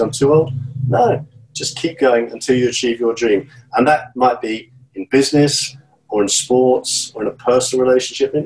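This guest, a fifty-something British channel swimmer, speaks in a casual interview with a mid-range, slightly mellow voice over poor audio. He comes across as earnest and encouraging, though he often repeats and restarts his words.

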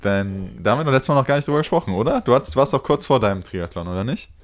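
A man's voice: medium pitch, lively intonation, rapid-fire. A young man, co-hosting a podcast in casual chat, with blunt, slangy banter. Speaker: podcast co-host.

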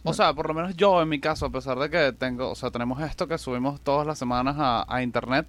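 A man with a Venezuelan accent co-hosting a podcast, talking in a quick, slangy, reflective way. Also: mid-range voice, a bit bright. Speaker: podcast co-host. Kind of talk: casual podcast chat.

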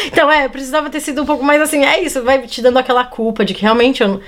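Woman host, slightly high voice, animated storyteller; casual podcast chat. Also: very fast. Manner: animated storyteller, acts out dialogue.

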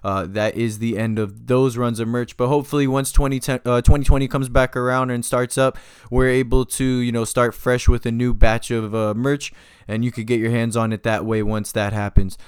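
A man's voice: mid-range voice, level tone, moderate pace, smooth, no room sound, clean studio sound. A man hosting his own podcast, wrapping up in a casual, laid-back monologue full of "uh" and "yo". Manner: laid-back, loose, with many fillers like "uh" and "yo". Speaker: podcast host.

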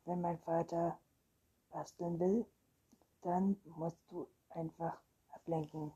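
A woman reading aloud, voicing a big, gruff boy vampire with a croaking voice. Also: lowish voice, fairly even intonation, slow pace, warm tone, muffled recording. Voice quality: croaking, thundering.

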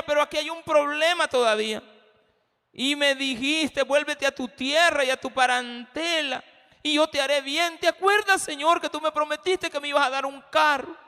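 A man's voice: very high voice, pushed and bright, big-room sound, pitched above the performer's own voice, full character voice. A man acting out an anxious male patriarch pleading and complaining to God in prayer.

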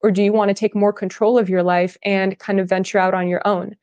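A woman's voice: medium pitch, little pitch movement, fairly quick, a little mellow, no room sound. A woman born in Russia and raised in California, speaking as a podcast guest, telling stories in a chatty way with lots of "like". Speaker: podcast guest, business owner. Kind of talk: casual podcast interview.

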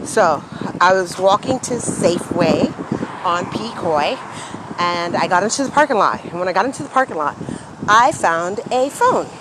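A woman's voice: lowish voice, lively intonation, normal speed. A slightly tipsy woman telling stories in a rambling, profane monologue while walking outdoors. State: a little tipsy. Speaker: podcast host. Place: outdoors on a city street. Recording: street noise with passing traffic.

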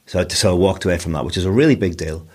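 A man's voice: sits low, racing, darkish tone, breathy edge. A Northern Irish man in his forties, a broadcaster and DJ chatting in an interview, rambling and self-deprecating with frequent restarts. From Northern Ireland. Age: 40s. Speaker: guest, broadcaster and DJ. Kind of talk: casual interview chat.

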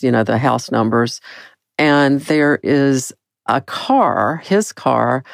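An older woman telling a personal story in an animated, self-mocking way. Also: vocal fry, no room sound, studio quality. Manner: animated, self-mocking, big swings in pitch.

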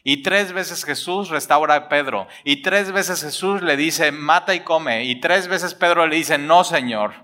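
A man preaching, his voice bright and forceful. He talks animatedly and colloquially, acting out the dialogue as he explains scripture. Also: on the high side, a little slow, few pauses. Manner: animated, acts out dialogue, colloquial Mexican slang. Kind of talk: lively sermon on scripture.

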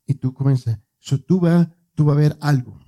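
A man's voice: fairly high pitch, moderate pace, mellow. A male preacher giving a conversational sermon, repeating words for emphasis and joking with his congregation.

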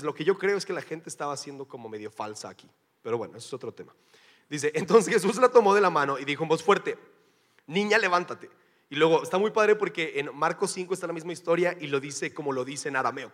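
A man's voice: fairly high pitch, fairly bright tone. A man with a Mexican Spanish accent preaching a sermon as pastor, in a casual, joking, slangy way. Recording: long hall reverb.

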